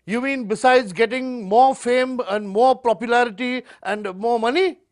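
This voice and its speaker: A man playing a pompous, self-important celebrity author in a comedy sketch mock interview, speaking in a deliberate, self-promoting way. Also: very high voice.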